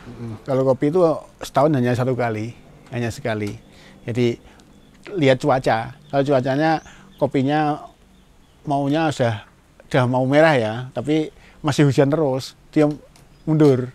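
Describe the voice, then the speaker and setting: Halting Indonesian farmer, plainly spoken. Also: male voice, medium pitch, steady tone, a little mellow. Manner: halting, repeats himself while explaining. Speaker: coffee farmer. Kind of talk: documentary interview.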